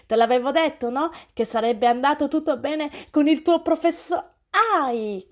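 A big, loud, cheerful young American man, put on by a woman reader bursts through an audiobook scene. His voice rides high and bright with exuberance, tossing in English words as he goes. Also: normal speed, lightly acted. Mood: exuberant.

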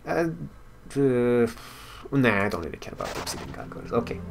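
A man's voice: on the low side, wildly swooping pitch, racing, vocal fry, over music. Man thinking aloud over a game. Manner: thinking aloud, wry asides. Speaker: game player and commentator. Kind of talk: casual gameplay commentary, reading story text aloud.

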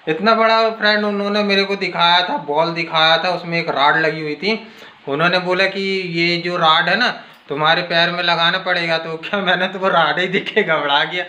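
A man's voice: high voice, steady tone, moderate pace, bright, forceful tone, echoey room. A man chatting casually to viewers in a home vlog, filming on his phone in the kitchen. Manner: chatty, addresses viewers as friends. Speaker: vlogger.

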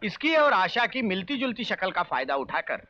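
An authoritative police officer gives orders and lays out a case in a bright, high, lively voice. The old film recording is dull, with a faint hiss behind it. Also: male voice, normal speed, exaggerated voice. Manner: explaining, commanding. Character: calm male intelligence officer, authoritative.

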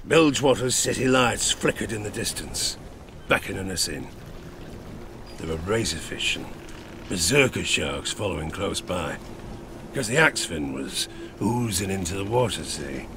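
An older man with a gravelly, theatrical voice plays a grizzled old harpooner spinning a boastful, haunted sea tale in a tavern for an audio drama. His low, expressive voice moves at normal speed, sly and suspicious, full of salty sailor's dialect, chuckles and theatrical asides. The background is noisy.

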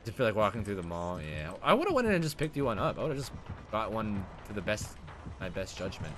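Young male streamer, lively pitch, curses freely, loud bursts then low mumbles, faint noise behind. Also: brisk. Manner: excitable and profane, swings between loud outbursts and low mutters. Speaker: streamer playing a survival horror game. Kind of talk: live-stream gameplay commentary.

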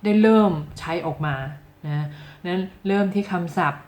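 Lively Thai woman teaching English. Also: fairly low pitch. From Thailand. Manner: lively, repeats example phrases slowly with stress, talks straight to the viewer. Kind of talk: casual video lesson.

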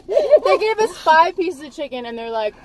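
A woman's voice: extremely high pitch, very animated, moderate pace, a crowd in the background. A woman joining a casual eating vlog as a guest, sassy and playful. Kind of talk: casual chat.

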